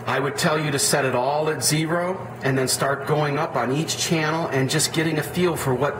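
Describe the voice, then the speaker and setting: A man working as an audio equipment installer gives an unscripted, plain-spoken product tutorial, walking through it step by step. His voice is a little high, with fairly even intonation and a normal pace. The room is echoey, with clear background noise.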